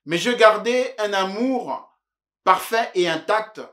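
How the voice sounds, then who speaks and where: Earnest man, higher-pitched voice. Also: animated, sharp tone. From Democratic Republic of the Congo. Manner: measured, preacher-like rhetorical cadence. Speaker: leadership coach and show host. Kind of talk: earnest monologue to camera.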